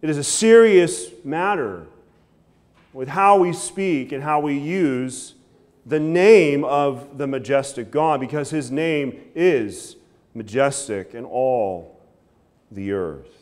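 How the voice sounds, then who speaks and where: A man's voice: medium pitch, slow. A man in his thirties preaching an evening sermon from a church pulpit, gesturing and often asking "right?". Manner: animated preaching with frequent "right?" asides and hand gestures. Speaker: pastor.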